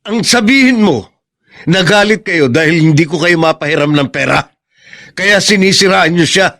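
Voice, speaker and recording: A man's voice: mid-range voice, big pitch swings, moderate pace, pushed and bright, no echo, clean studio sound, full character voice. Berong, a stubborn older man in love. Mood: angry. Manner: tender then angrily defensive. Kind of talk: radio drama acting.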